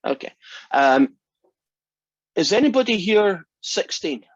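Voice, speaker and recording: Speaking slowly in a high, slightly rough voice, this sixty-something man is very animated as he runs an online math lesson. He's friendly and talkative and keeps asking "right?" to make sure students follow. The sound comes through a computer mic on a video call, dry, dull and lo-fi.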